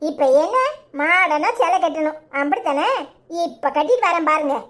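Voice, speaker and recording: A woman's voice: high voice, moderate pace, fairly bright tone. A woman voicing a fussy, fashion-proud village wife in a cartoon, speaking Tirunelveli Tamil and complaining indignantly. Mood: bossy.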